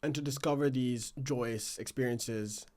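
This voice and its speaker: Unhurried and steady, a man's mid-range voice with a darkish tone carries a casual, reflective interview chat. As podcast host and interviewer, he rambles and second-guesses himself while edging toward his questions.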